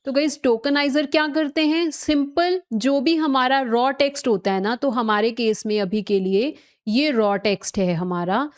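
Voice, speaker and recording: A woman's voice: high-pitched, a little slow, few pauses. Patient woman teaching, often checking in. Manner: patient, explains step by step, often checks in with the listener; mixes in English technical terms. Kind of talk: recorded tech lecture.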